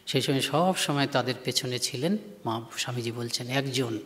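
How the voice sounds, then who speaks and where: A man's voice: mid-range voice, normal speed, fairly bright tone. A man with a Bengali accent delivers a devotional lecture as a monk. He tells stories with a storyteller's manner, lifting his voice with emphasis when he quotes others. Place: lecture hall.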